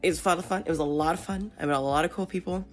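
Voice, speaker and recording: A tired woman with a hoarse, worn voice, chatting casually and informally to her vlog viewers. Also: on the low side, rapid-fire, soft background music. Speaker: vlogger.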